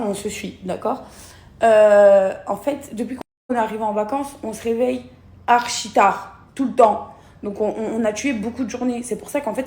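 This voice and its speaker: An irritated woman vents straight to her followers with a gravelly, creaky edge to her voice. Her talk is blunt, slangy and circling back on itself. Faint night noise and crickets sit behind her. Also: mid-range voice, warm tone. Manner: agitated, repetitive, slangy and blunt. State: upset and irritated. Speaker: vlogger talking to followers. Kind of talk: casual to-camera vent.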